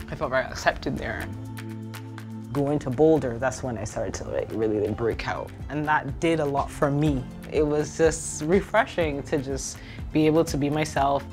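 Deep-voiced woman, calm and earnest. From Barbados. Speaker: entrepreneur and advocate. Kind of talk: reflective documentary narration.

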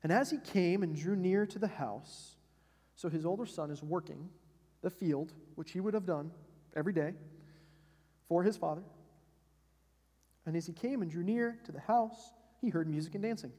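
Male pastor, sermon, fairly high voice, conversational, long church reverb. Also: normal speed, pauses often, dark tone, breathy edge. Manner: conversational preaching with rhetorical questions. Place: church sanctuary.

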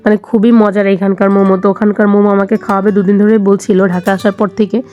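A woman's voice: mid-range voice, little pitch movement, fast, muffled recording, faint music behind. A young woman from Bangladesh, a vlogger, narrating her day in a chatty, rambling voice-over with many fillers.

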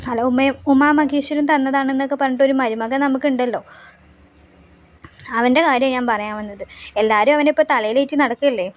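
A woman casually retelling a TV serial episode, quoting the characters in a chatty way. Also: high-pitched. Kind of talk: casual spoken recap of a TV serial.

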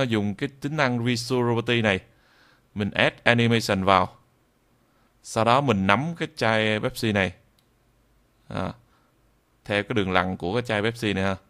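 In an improvised software tutorial, an instructor with a southern Vietnamese accent halts and repeats phrases while demonstrating, in a lowish voice.

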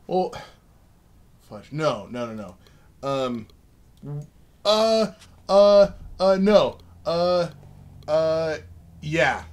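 A man's voice: a little high, lively intonation, drawn-out words, pauses often, darkish tone, clear, resonant tone. A man casually commenting on a game, playful and full of hesitant fillers. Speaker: gameplay commentator. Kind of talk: casual let's play commentary.

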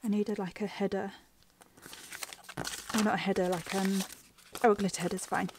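Middle-aged lady chatting thru her planner, rambly, voice kinda going, soft asides, bit of noise. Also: medium pitch, little pitch movement, moderate pace. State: losing her voice. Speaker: planner vlogger. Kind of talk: chatty plan-with-me narration.

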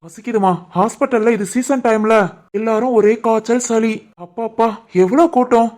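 Casting: woman playing a hot-tempered young husband in a cartoon, Tirunelveli Tamil accent, fairly high voice, scolding. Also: steady tone, moderate pace, darkish tone, lightly acted. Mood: hungry, weary. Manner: scolding, stern. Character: young husband and son, short-tempered man. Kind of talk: animated family drama voicing.

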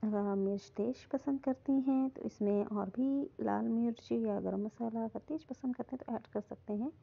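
Female cooking host, calm instructive voice-over, slightly high pitch, lo-fi phone audio. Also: normal speed, creaky, slightly rough. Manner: calm, instructive, repeats "hum" often. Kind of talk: step-by-step recipe voice-over. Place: home kitchen.

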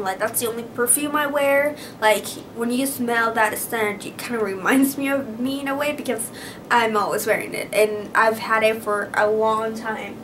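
With a fairly high pitch over a noisy background, a young adult vlogger from Utah talks casually and excitably, using "like" and "um" a lot. She holds the camera at arm's length, shooting first in her car and then in her bedroom.

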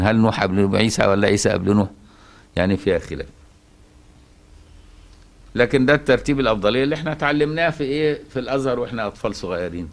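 Egyptian male Quran teacher, brisk chatty delivery, checks in with the class, chants verses slowly. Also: mid-range voice. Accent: Egyptian Arabic. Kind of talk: colloquial religious lesson.

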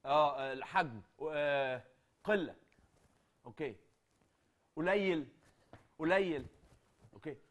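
A man's voice: a little high, lively intonation, slow, pauses often, fairly bright tone. A man playing as a game show contestant, thinking aloud in short, broken guesses. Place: large indoor studio set.

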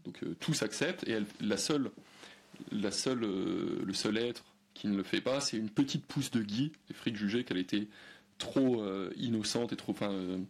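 Gravelly, husky man explaining casually. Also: lowish voice, moderate pace. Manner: hesitant, many fillers and restarts. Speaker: guest historian. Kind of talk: conversational explanation.

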